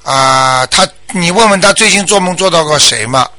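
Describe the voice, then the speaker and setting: Male call-in host with a crisp, bright tone and a raised pitch. Firm, brisk and reassuring. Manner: keeps asking if the caller understood. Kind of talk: radio call-in advice.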